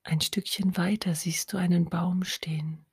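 A woman whispering a slow, soothing guided hypnosis close to the mic. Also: on the low side, fairly even intonation, darkish tone, husky, no room sound.

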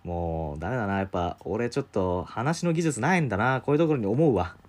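A man casually telling a story to a co-host, acting out the quoted voices in a rough, informal way. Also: on the low side, lively intonation, fast talker. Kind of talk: casual chat.

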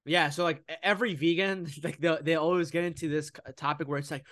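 A young man talking casually about food and nutrition in a podcast conversation, animated, often slipping into mocking voices. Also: fairly high pitch, fast, no room sound, clean studio sound. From United States.

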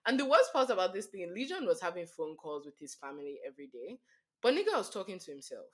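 A woman's voice: fairly low pitch, fast. A woman co-hosting a casual podcast, retelling a wild story with lots of laughter and acted-out quotes. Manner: animated retelling, acts out quotes, laughs often. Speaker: podcast co-host.

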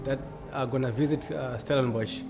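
A man from Zimbabwe, a coffee shop owner answering interview questions in an earnest, halting way with many restarts. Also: medium pitch, fairly even intonation, noisy background. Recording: music playing clearly behind.

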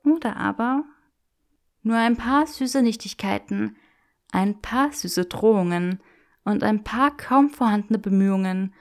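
A woman's voice: medium pitch, a little slow, a little mellow, voice pushed up, natural voice. A woman voicing a playful, bold young witch who teases and often whispers. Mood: teasing.

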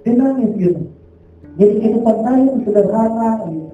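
A man's voice: very high-pitched, lively intonation, a little fast, dull audio, over music. A man giving a casual sermon testimony, talking in short phrases with constant filler tags, recorded from far off in a very echoey hall.

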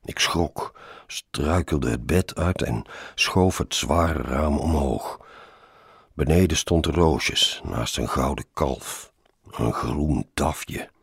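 A man's voice: very deep voice, slow, gravelly, slightly rough, dry recording, studio quality. A man reading a first-person story aloud in a wry, sardonic manner.

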